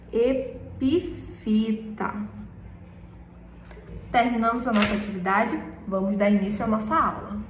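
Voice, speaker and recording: A woman's voice: mid-range voice, noisy background. Woman, Brazilian accent, schoolteacher, answers her own questions, stretched words, very echoey room, far from the mic. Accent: Brazilian Portuguese. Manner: asks questions and answers them herself, stretches key words slowly. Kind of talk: recorded remote class lesson.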